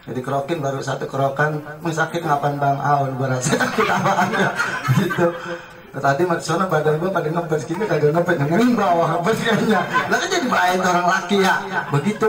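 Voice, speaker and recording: A man with a Betawi accent preaching a humorous sermon at a family celebration, telling jokes and acting out bits of dialogue. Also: fairly high pitch. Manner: joking storytelling, acts out quoted dialogue. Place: community gathering, crowd around. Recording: echoey, distant mic, loud crowd.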